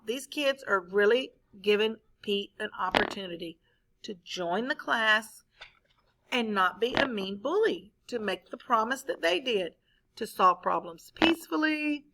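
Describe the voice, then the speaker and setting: A woman's voice: a little high, rough recording. A woman teacher, reading a story aloud to her class and stopping to ask questions. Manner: expressive, asks the class questions.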